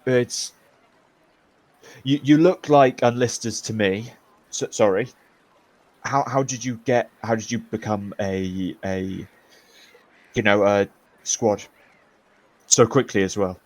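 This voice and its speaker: A man plays a shy, awkward young soldier who trips over his words and keeps apologizing. The voice sits fairly low and quiet, and his questions come out hesitant and halting. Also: fairly even intonation, dry recording. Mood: nervous.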